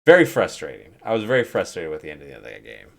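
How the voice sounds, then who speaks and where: A man's voice: rumbling low, huge pitch swings, quick pace, vocal fry. A man hosting a casual game review chat, rambling with lots of "like" and restarts. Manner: rambling, heavy use of "like"; talks through restarts and hedges. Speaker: streamer and host.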